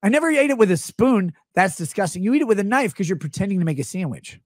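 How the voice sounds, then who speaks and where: This thirty-something stream host talks quickly in a high, very animated voice, delivering a rambling, sarcastic comedy rant and jumping from one voice to another. A close studio mic on a stand in his small home studio picks him up, with no room sound.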